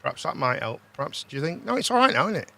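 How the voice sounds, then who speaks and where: A British man with a slightly high voice hosts a casual livestream. He talks informally, circles back over his own phrases and often tacks a question onto the end. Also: very animated, very fast, creaky, pushed and bright. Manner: informal, repeats himself, ends on tag questions. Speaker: host.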